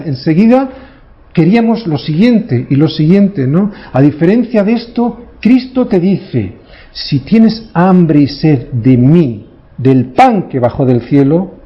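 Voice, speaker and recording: A man's voice: a little high, lo-fi sound. A man preaching a sermon as pastor, in a preacherly way, often tagging his points with short questions to the congregation.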